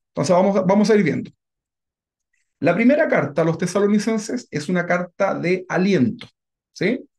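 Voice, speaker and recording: A man teaching a Bible class to his congregation as pastor, talking to them casually and often checking in with a quick question. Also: sits high, vocal fry, darkish tone. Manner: conversational, keeps asking the congregation "¿verdad?".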